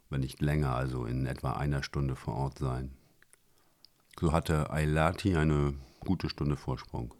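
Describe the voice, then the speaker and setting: Deep deep male voice reading a novel, calm and steady. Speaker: audiobook narrator. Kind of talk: scripted narration.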